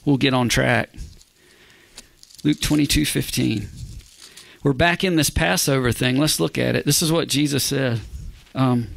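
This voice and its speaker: Gravelly emphatic male pastor preaching. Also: mid-range voice, a little slow. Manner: emphatic preaching, asks the congregation "Amen?", drops to hushed whispers for emphasis. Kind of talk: verse-by-verse sermon.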